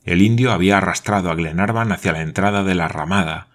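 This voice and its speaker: A man narrating an adventure novel in a steady, measured audiobook reading. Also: sits low.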